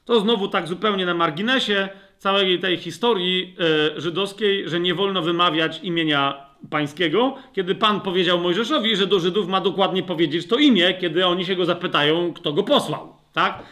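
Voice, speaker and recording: High-voiced man teaching a Bible study. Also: pushed and bright. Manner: addresses listeners directly, asks checking questions; reads scripture aloud, slows down for emphasis.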